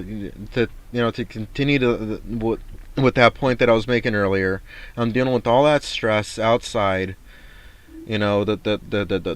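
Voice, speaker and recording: A man venting in a rambling vlog monologue with a smooth, resonant voice. He sounds frustrated, swears freely and often trips over repeated words as he restarts his thoughts. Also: medium pitch, no room sound. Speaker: vlogger.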